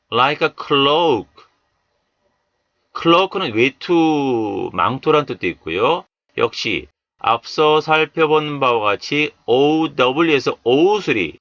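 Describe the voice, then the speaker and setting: Guy doing a super slow english pronunciation lesson, lively up-and-down voice, dry close sound. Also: mid-range voice, no echo. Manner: repeats each English word slowly, then explains in Korean. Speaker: English Bible teacher.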